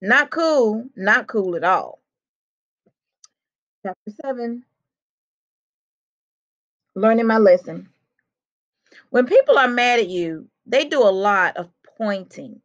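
Woman, reading a children's book aloud, expressive storytelling, dull lo-fi recording. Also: on the high side, slow, pauses often. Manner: expressive storytelling, first-person narration.

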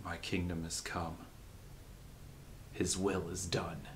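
A young man in his twenties acting a dramatic monologue as a tormented man possessed by demons, anguished and swinging between hushed menace and desperation. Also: little pitch movement, takes it slowly. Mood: despairing, grim. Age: 20s. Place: small plain indoor room. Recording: noisy room recording with low rumble.

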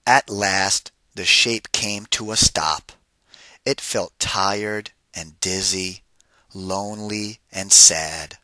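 A man reading a picture book aloud to children as a teacher, deliberate and emphatic, addressing them directly. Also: sits low, fairly even intonation, bright, forceful tone, no echo. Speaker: read-aloud narrator and teacher.

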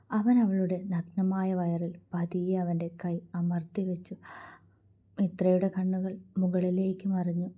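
A woman narrating a romance story aloud in a soft, quiet, even reading voice. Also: lowish voice.

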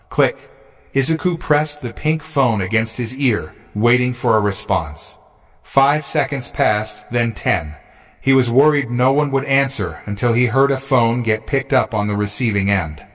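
A man narrating a fanfiction story aloud in steady storytelling. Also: medium pitch, measured pace.

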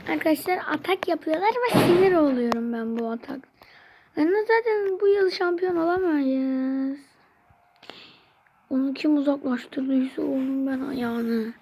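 Young woman with a Turkish accent, high voice, gaming commentary for her viewers, chatty and quick to get frustrated, noisy home recording. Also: a little mellow. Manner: chatty, easily frustrated, addresses viewers constantly. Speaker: gaming channel host. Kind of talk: mobile game commentary.

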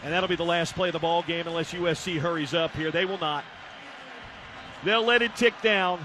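A man calling a college football game play-by-play, with clipped calls that build into shouted touchdown calls. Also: a little high, brisk. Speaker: play-by-play announcer. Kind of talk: radio play-by-play commentary. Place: football stadium broadcast booth. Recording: loud stadium crowd and noise behind.

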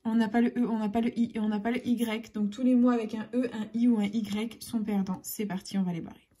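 Woman, scratch-card vlogger, husky mellow voice a touch high, chatty letter-by-letter narration with soft whispered asides. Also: steady tone, fairly quick. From France. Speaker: YouTuber scratching lottery tickets.

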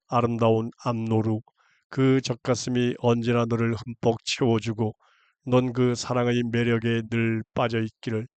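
A man calmly reading scripture aloud in an even, unhurried way, in a plain everyday speech register. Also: mid-range voice, smooth, dry recording. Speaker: Bible reader.

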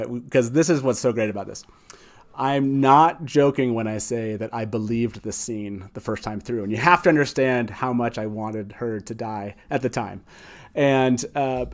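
An enthusiastic, effusive man in his forties hosts a casual livestream chat from a small wood-panelled studio, speaking into a close studio mic on a boom arm. His voice is mid-range and a little mellow.

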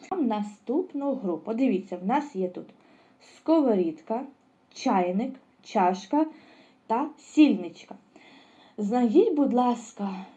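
A woman's voice: a little high, warm tone, lo-fi sound. A woman teaching a lesson to young children, asking questions and answering them herself with praise. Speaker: preschool teacher.

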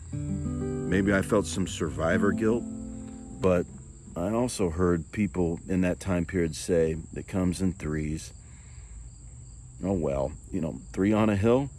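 A man with a low, deep voice delivers an earnest, reflective sermon-style talk. He often doubles back and repeats words as he thinks aloud. Music plays steadily behind him. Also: measured pace, pauses often, darkish tone. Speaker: preacher and songwriter. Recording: music bed playing behind the voice.

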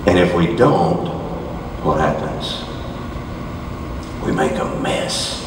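An older man preaches a sermon slowly on a large, dark auditorium stage, moving around and gesturing. He drops to hushed low lines and rises to shouted high peaks. Recorded from far off, the hall is echoey, with background noise.

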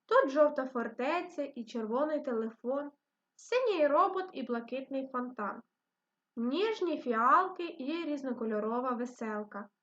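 A woman teaching a reading and phonics lesson to young children, speaking slowly and clearly with patient encouragement. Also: high-pitched, expressive, a bit bright. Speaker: primary school teacher. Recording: dull lo-fi recording.

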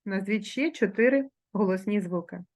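A woman with a Ukrainian accent teaches grammar to schoolchildren remotely, taking sounds and example words slowly and carefully. Her mid-range voice has a darkish tone.

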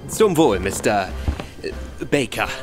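In a radio play, a man with a fairly low, sing-song voice plays Sebastian Conroy, a bitter, drinking, boastful young nobleman who rambles spitefully while tipsy. He speaks slowly, and soft music plays in the background.

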